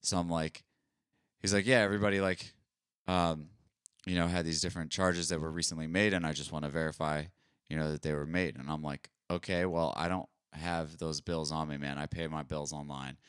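Deep-voiced man telling stories over casual chat. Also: a little fast, clear, resonant tone, no echo, clean studio sound. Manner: animated storyteller, acts out quoted dialogue. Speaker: podcast co-host.

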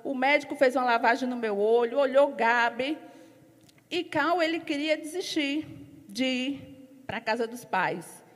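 High-voiced woman testifying in a reverberant church. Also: unhurried. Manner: lively, animated storytelling with laughter. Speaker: church member giving testimony. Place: church hall. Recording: long hall reverb.

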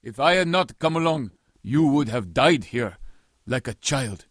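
A proud pirate, played by a man, stern and scornful. He speaks in stiff, formal English with a voice that moves a lot in pitch. The audio drama recording is dry and close. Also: animated, a little slow, no echo. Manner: stiff, formal, non-native English phrasing.

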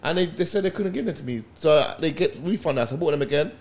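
A man's voice: a little high, expressive, fast talker, over a noisy crowd. A man with a London roadman accent, chatting casually in slang as a music artist guest. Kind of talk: casual chat in street slang.

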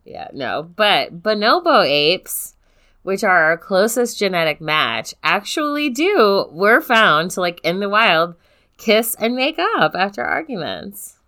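A woman's voice: medium pitch, very animated, slow, sharp tone. A woman co-hosting a casual podcast chat, talking in a loose, filler-heavy way and giggling often. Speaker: podcast co-host.

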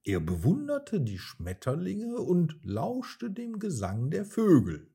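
A man narrating a children's storybook in a gentle, unhurried way. His voice is dark and husky, with a lively, rising and falling melody. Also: sits high.

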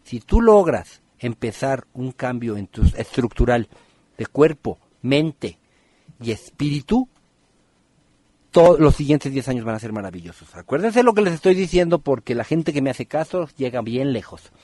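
A man's voice: medium pitch, big pitch swings, moderate pace, warm tone, no room sound. A man hosting a radio podcast, giving live numerology readings and firing teasing questions at listeners by name.

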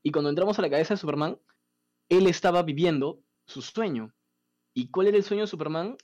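A man retells a comic story in a casual chat, animated and full of swearing. His voice is fairly high for a man. The sound is a little dull and lo-fi. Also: brisk.

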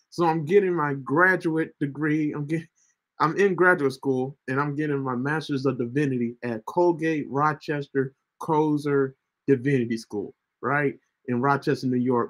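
A man in his thirties hosting a casual faith livestream, chatty and loose, often tagging his sentences with "right?". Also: medium pitch. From United States. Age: 30s. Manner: chatty, repeats himself, keeps asking "right?". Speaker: ministry livestream host.

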